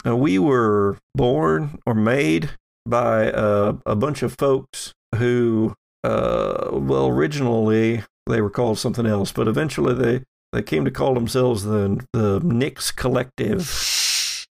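A game master with a medium-pitched, gravelly, exaggerated voice and lively intonation plays a polite, folksy doppelganger in a tabletop game. He sounds hesitant as he explains, his delivery halting, rambling and apologetic.

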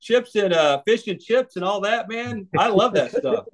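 A man's voice: sits high, lively intonation, normal speed. A man from the United States, an evangelist and author, answering interview questions thoughtfully, with many restarts and fillers.

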